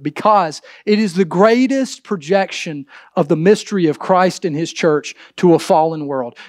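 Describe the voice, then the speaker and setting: A man's voice: on the high side, a little mellow, no room sound, studio quality. A man preaching a sermon as pastor, emphatic, asking his congregation rhetorical questions and addressing the men directly.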